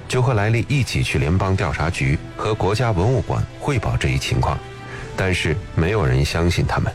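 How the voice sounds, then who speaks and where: Low-voiced man narrating over music. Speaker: film programme narrator. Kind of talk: scripted narration. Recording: music behind the voice. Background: background music.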